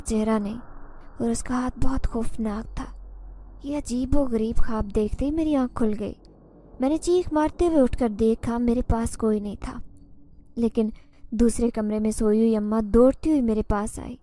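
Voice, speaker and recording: A woman's voice: on the high side, mellow, slight background noise. A woman narrating a first-person horror story in a tense, dramatic manner.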